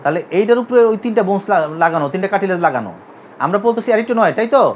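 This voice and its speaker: Slight background noise accompanies a dull, lo-fi recording of a Bangladeshi physiotherapy teacher leading an anatomy class. His voice sits high and is expressive, and he races along. He quizzes students by having them repeat terms and drills them with repeated questions.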